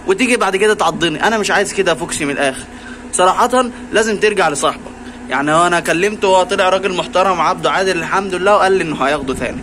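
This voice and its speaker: An Egyptian vlogger with a high voice and Egyptian Arabic accent chats playfully to his pet fox, teasing and coaxing it against a noisy background.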